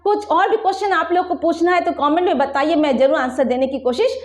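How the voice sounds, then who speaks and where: A woman teaching a language lesson at a board, explaining patiently and slowing down to spell out example phrases. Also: very high voice, roomy sound. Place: room with a whiteboard.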